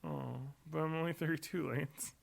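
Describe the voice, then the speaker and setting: A man's voice: fairly high pitch, fairly even intonation, normal speed, creaky. A man in his thirties co-hosting a podcast, agreeable and joking, chiming in often with short replies. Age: 30s. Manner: agreeable, joking, frequent backchannels and laughs. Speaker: podcast co-host. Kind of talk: casual chat.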